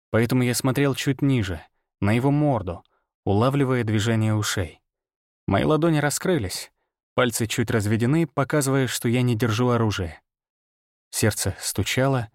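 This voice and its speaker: A man narrating a fantasy audiobook in the first person, steady and measured. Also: medium pitch, dry recording, studio quality.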